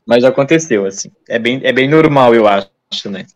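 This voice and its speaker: A man, a guest telling stories in a casual, animated interview. He acts out the dialogue he retells and restarts his sentences often. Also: medium pitch, moderate pace. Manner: many fillers and restarts.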